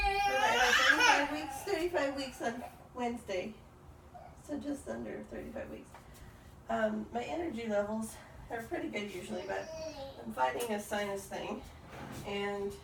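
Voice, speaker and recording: A woman's voice: mid-range voice, gravelly, heavy background noise. A woman in her thirties, slightly out of breath, rambling in a casual chat while she cleans her kitchen. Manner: unhurried, meandering, many ums. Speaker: vlogger. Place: home kitchen. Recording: roomy, far from the mic, loud kitchen clatter. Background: clattering dishes and cutlery.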